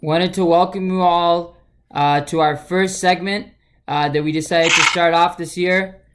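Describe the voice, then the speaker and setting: A man hosting a livestream interview, talking in a relaxed, halting way with many pauses and fillers. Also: fairly high pitch. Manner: relaxed, hesitant, many ums. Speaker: host. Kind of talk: casual livestream introduction.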